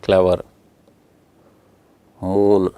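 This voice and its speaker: A male English grammar teacher with a Kannada accent, patiently explaining syllables in a slow lesson, repeating words and counting them out loud. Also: sits low, monotone, clean tone, dry recording. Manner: mixes Kannada with English terms.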